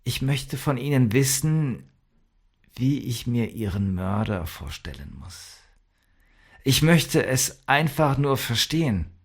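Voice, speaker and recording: A male audiobook reader voicing a hesitant, grieving middle-aged woman who speaks in unsure, halting pleas. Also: mid-range voice, expressive, creaky, voice pushed up, full character voice. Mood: pleading. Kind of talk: audiobook dialogue.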